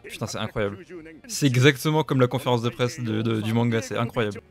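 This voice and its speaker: A man with a mid-range voice, chatting casually in a reaction video. His talk is loose and slangy, and he breaks into loud outbursts. Faint music plays underneath. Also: mid-range voice, brisk, creaky. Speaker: YouTuber.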